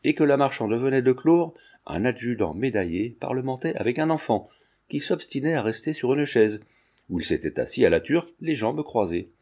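Male audiobook reader, warm and dark, steady pace. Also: mid-range voice, normal speed. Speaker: audiobook narrator. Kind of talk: audiobook narration.

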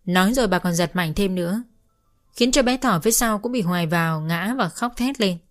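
A woman narrating a first-person family drama story in a steady, measured reading. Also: medium pitch, soft background music.

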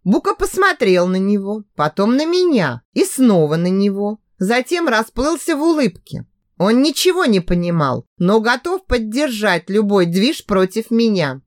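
A woman narrating a story in the first person, with a sarcastic, expressive delivery. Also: medium pitch, measured pace, dry recording, clean studio sound. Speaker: audiobook narrator.

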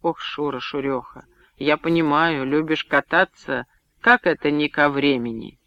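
A man's voice: fairly high pitch, unhurried, dry recording, muffled recording. Man doing a subdued nineteen-year-old lad. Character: young man of nineteen, awkward, torn, subdued.

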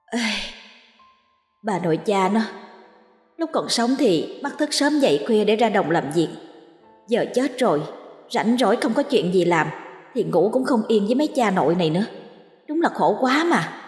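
A woman's voice: medium pitch, very animated, normal speed, long pauses, darkish tone, echoey room, long reverb tail, faint music behind, lightly acted. A woman voicing a grumbling old farmer ghost. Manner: complaining, swearing under breath.

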